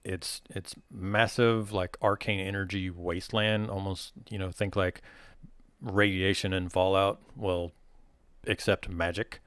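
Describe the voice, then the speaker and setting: A man's voice: low-pitched, flat delivery, measured pace, a bit bright, smooth, no room sound. A man narrating a tabletop game as game master, explaining things in a casual, colloquial way.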